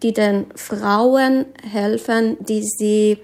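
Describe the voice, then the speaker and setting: A woman's voice: medium pitch, steady tone, drawn-out words, a little mellow. Woman, hesitant. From Iran. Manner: hesitant, non-native phrasing. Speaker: midwife, interview guest. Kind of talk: conversational interview.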